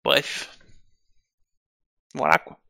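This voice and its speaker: A man's voice: drawn-out words, bright, forceful tone, no room sound, studio quality. A man co-hosting a casual live stream, talking with frequent fillers and restarts. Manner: hesitant, many fillers and restarts. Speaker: podcast co-host.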